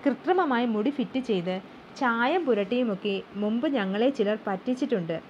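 A woman narrates an audiobook in a steady, clear manner. Her voice sits fairly high, and the recording is slightly dull, with a faint hum underneath. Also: normal speed. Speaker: audiobook reader. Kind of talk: storybook narration.

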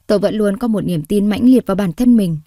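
Mellow woman reading a story aloud. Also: medium pitch, fairly quick, dry recording, clean studio sound. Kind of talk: scripted story narration.

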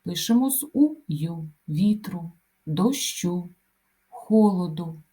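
A woman teaching a grammar lesson, reading out lists of example words one by one in a deliberate, dictation-like way. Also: lowish voice, animated, dark tone. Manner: slow, deliberate dictation-like delivery.

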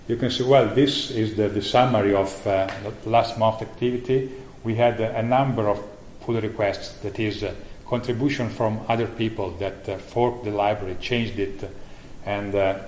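A middle-aged man giving a conference keynote about software he maintains, speaking haltingly with many fillers and restarts. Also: lowish voice. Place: conference hall. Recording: echoey room with faint noise.

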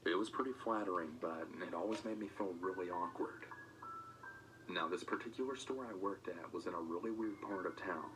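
A man reading a first-person scripted story in a matter-of-fact way, as narrator of an animated video. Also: low-pitched, fairly quick. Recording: music playing under the voice.

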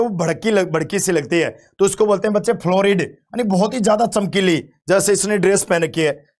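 A man teaching English vocabulary in an online exam-prep lesson, playful and teasing, repeating words again and again and chatting to his students. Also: high voice. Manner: addresses students as "bachche", chatty.

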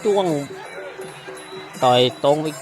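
A man giving excited, exclamatory boxing commentary as a Muay Thai fight commentator. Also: slow pace. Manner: exclamatory, reacts to each strike with repeated interjections. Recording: loud music and crowd noise behind. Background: loud music and crowd.

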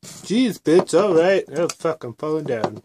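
A man's voice: a little high, very animated, unhurried, background noise. A man voicing a sarcastic, whiny young male baby dragon sidekick in a parody cartoon dub. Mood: grumbling.

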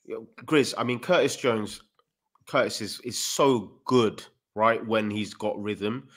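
A man co-hosting a casual football chat over a video call, animated and often jumping up in pitch. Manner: animated, quick rises in pitch. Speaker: co-host. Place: home room, video call. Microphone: desk mic on video call.

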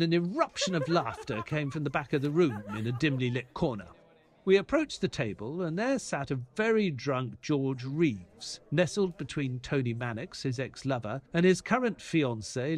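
An actor playing Doctor Watson, a gentleman sidekick who narrates an audio drama in a measured storytelling manner. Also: mid-range voice, sing-song. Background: music.

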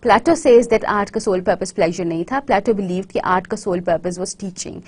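A woman's voice: mid-range voice, darkish tone, slightly rough. A woman lecturer giving a recorded university lecture. She switches between Hindi-Urdu and English and often stops to check that the class follows. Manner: slow deliberate English phrases, quick runs in Hindi-Urdu.

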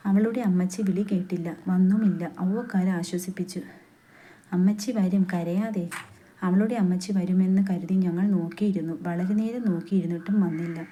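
A woman reading a literary story aloud in a steady, unhurried narrating voice, with dialogue quoted along the way. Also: lowish voice, a little hiss or hum. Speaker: story reader.

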